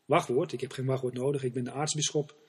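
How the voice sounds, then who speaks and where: A man's voice: medium pitch, fairly even intonation, fast talker, husky. A man voicing a proud male archbishop who insists everyone knows him, in a sermon parable. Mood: indignant. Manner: indignant, self-assured.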